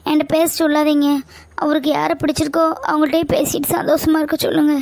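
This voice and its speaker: A woman's voice: sits high, flat delivery, fast talker, darkish tone, no echo. A woman playing a tearful, heartbroken sister. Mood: hurt. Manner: tearful, hurt, insistent refusals. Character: hurt, tearful young woman betrayed in love. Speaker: younger sister figure. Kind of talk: amateur family skit acting.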